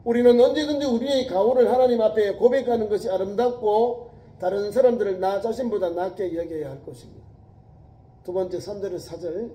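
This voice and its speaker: A man's voice: high-pitched, fairly quick, mellow. A male Korean pastor preaching a sermon in a colloquial, emphatic way, with repeated words and small acted quotes. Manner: colloquial preaching, voicing biblical speakers in quotes, emphatic repetition. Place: church sanctuary. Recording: echoey church hall.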